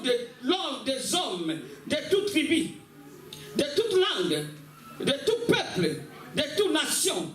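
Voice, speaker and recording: A man preaching a sermon in French, pausing for an interpreter and calling out alleluia. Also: very high voice, sharp tone. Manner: fervent, calls out alleluia, quotes scripture. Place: church hall. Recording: echoey church from a distant mic with congregation.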